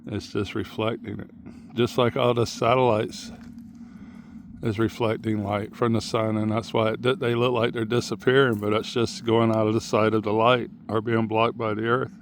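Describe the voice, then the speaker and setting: A man's voice: mid-range voice, creaky, a little hiss or hum. A man vlogging in a rambling, plain-spoken monologue as he walks outdoors, musing and drifting from one thought to the next. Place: outdoors on a muddy tidal shore.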